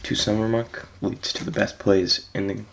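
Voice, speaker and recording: A card game player walks through his deck in a casual, laid-back way, hesitant, filling pauses with frequent ums and letting phrases trail off softly. His voice sits on the lower side, gravelly and raspy, as if he just rolled out of bed. The recording is low-quality with slight background noise.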